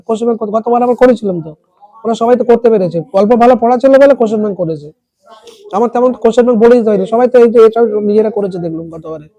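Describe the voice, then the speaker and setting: A tutor explaining an English text in Bengali, reading lines slowly and asking students word meanings. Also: female voice, fairly high pitch, mellow. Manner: asks students questions and repeats word meanings. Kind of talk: classroom lesson explaining a text.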